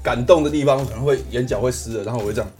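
A man's voice: mid-range voice, rapid-fire, a little mellow, faint music behind. A man on a radio chat, telling personal stories candidly and poking fun at himself. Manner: candid, self-deprecating storytelling. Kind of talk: casual studio chat.

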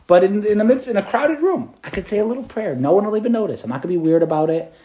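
Chatty priest with a slightly high voice. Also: male voice, expressive, fast talker, warm tone. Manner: conversational, peppered with "like" and "right?"; light self-deprecating humor. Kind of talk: preached meditation to students.

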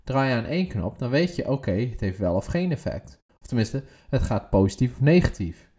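A man's voice: mid-range voice, big pitch swings, brisk, mellow. A man co-hosting a podcast, talking in a methodical, searching way in casual chat. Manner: methodical, hesitant, with many fillers and restarts. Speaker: podcast co-host.

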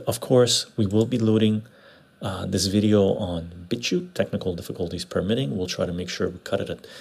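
Gravelly low-voiced man on a lapel mic. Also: a little mellow. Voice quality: gravelly, husky. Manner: laid-back, repeats short phrases. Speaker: livestream host. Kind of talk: casual livestream chat, greeting viewers and reading comments. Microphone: clip-on lapel mic into external recorder.

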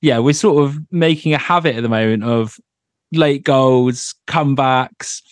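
A man's voice: mid-range voice, measured pace, dry recording, studio quality. A man hosting a podcast in a casual, chatty style. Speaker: podcast host. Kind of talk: casual chat.

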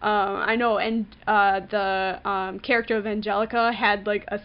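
A woman's voice: mid-range voice, flat delivery, moderate pace, clean tone, dull audio. A woman co-hosting a casual podcast chat, hesitant with many fillers and breaking into giggles. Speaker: podcast co-host.

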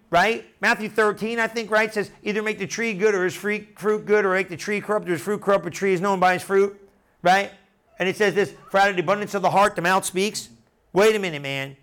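A middle-aged pastor preaching a sermon, animated, repeating phrases and drawing replies from the congregation. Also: male voice, high voice.

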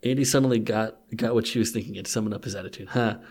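A low-voiced man co-hosting a comedy podcast, reading fan fiction aloud. His delivery is playful, and laughter keeps slipping into the narration. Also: very fast, darkish tone, husky. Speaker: podcast co-host.

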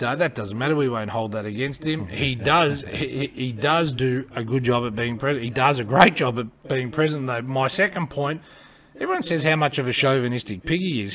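A man's voice: mid-range voice, fairly bright tone. A man co-hosting a podcast, giving blunt, emphatic opinions and repeating his points. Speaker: podcast co-host.

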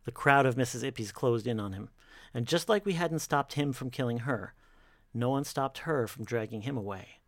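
A male narrator reads a horror story slowly and carefully, often dropping to a hush. His voice sits at an ordinary pitch, and the recording is dry and close, with no room sound. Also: no echo.

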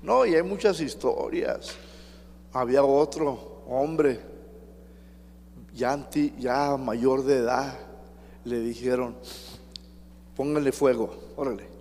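Slow, emphatic Mexican preacher. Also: male voice, medium pitch, a little mellow. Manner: emphatic, addresses the congregation directly. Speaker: pastor. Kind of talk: sermon. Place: church hall. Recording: reverberant hall with faint hum.

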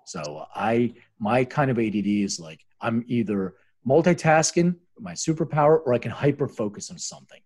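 Speaking at medium pitch with an expressive, slightly mellow delivery, he keeps a moderate pace and rarely pauses. He's a middle-aged podcast guest from Philadelphia, originally from Lithuania, who founded a medicinal cannabis company. His account of his story is informal, wandering and full of explanation.

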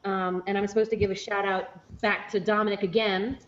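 A woman's voice: medium pitch, little pitch movement, a little fast. A woman co-hosting a casual faith-based talk show, chatty and a little hesitant, with many fillers. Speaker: podcast co-host. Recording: slightly muffled audio with faint noise.

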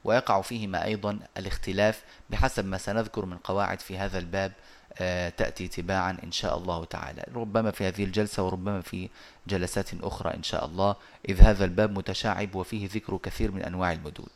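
A man teaching a lesson over a video call, explaining step by step and pausing often on drawn-out hesitations. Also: low voice, steady tone. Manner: measured and methodical, with frequent drawn-out hesitations.

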